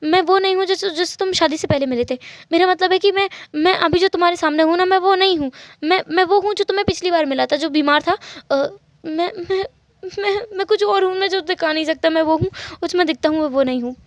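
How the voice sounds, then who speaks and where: Woman voicing a flustered young guy, stammering, repeating words, high-voiced, bluster, dry close sound, storybook reading. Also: fast, no echo. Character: flustered, chattering young man, quick to bluster.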